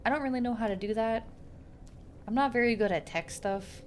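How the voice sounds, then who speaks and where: A woman's voice: on the high side, a little fast. A young woman streams a game from home on a desk mic, chatting loosely and rambling from thought to thought. Her talk is full of slang and the occasional swear, with a faint hum of room ambience behind her. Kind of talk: casual live-stream gameplay commentary.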